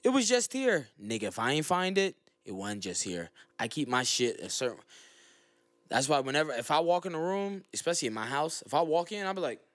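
A man's voice: medium pitch, very animated, a little fast, a bit bright, no room sound. A man chatting casually as a podcast guest, boasting and then mocking himself, with profane slang. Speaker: podcast guest, friend of host. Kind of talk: casual chat.

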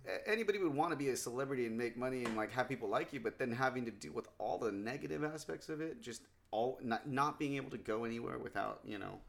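A man's voice: medium pitch, expressive, fast, gravelly, few pauses, a crowd in the background. A man in casual podcast chat, rambling and swearing freely with lots of fillers.

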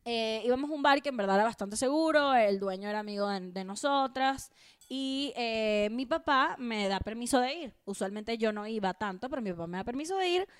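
A young woman co-hosting a podcast at home, telling a story in an animated, crude, self-mocking way. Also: on the high side, brisk, smooth, dry recording. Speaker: podcast co-host. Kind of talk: casual storytelling chat.

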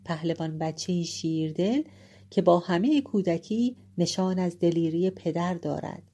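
A woman voicing a wise old nursemaid who speaks with calm authority and formal, courtly address in a told story. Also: fairly low pitch. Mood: ceremonious.

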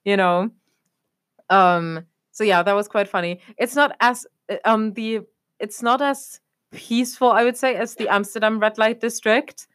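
This young adult woman from Germany, co-hosting a podcast, speaks a little slowly in a slightly high, fairly bright voice. Her casual talk rambles, propped up by fillers like "obviously" and "a whole thing."

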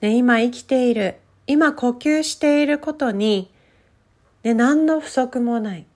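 In a fairly high voice, a female coach guides a breathing meditation, soothing and gentle, stretching her instructions out slowly.

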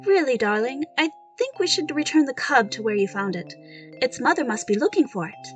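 A woman's voice: high voice, animated, brisk, faint music behind, voice pushed up. A woman doing a firm, protective queen. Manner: firm, scolding, caring. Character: practical, protective queen wife.

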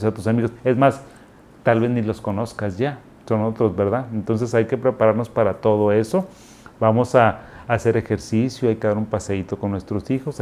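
A man's voice: on the low side, mellow. A male psychiatrist giving casual, folksy advice to parents in a conversational way. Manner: folksy, conversational, frequent "o sea" fillers.

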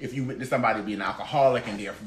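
A man's voice: lowish voice, rapid-fire. Male host, 30s, blunt and emphatic, echoey room with faint hiss. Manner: blunt, emphatic, swears freely. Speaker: podcast host. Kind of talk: casual roundtable chat.

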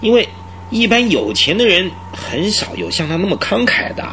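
An actor playing a talkative, obliging police inspector in a radio drama, explaining things in an emphatic conversational way. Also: male voice, high-pitched, very animated, moderate pace, bright, forceful tone, full character voice. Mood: informative, obliging. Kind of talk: Mandarin radio drama acting. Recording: clear vehicle noise behind voice. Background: car engine hum.

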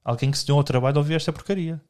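A man's voice: a little high, rapid-fire, darkish tone. A young man with a European Portuguese accent, co-hosting a podcast in rambling, joking casual chat full of slang. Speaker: podcast co-host.

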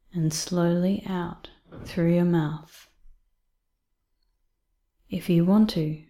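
Slow, soft-spoken woman guiding breathing. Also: lowish voice, reverberant. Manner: soft, calm, often half-whispered. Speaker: meditation guide. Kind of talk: guided breathing exercise read aloud.

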